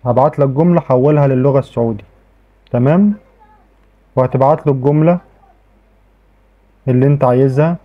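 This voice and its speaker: Fast-talking Egyptian man, tinny audio. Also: medium pitch. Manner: chatty, repeats "okay" often, frequent restarts. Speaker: tech tutorial host. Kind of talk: casual screen-recorded tutorial.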